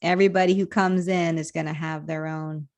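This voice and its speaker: A woman's voice: low-pitched, little pitch movement, fairly quick. A woman hosting a podcast, reflective and supportive in casual conversation, laughing often. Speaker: podcast host.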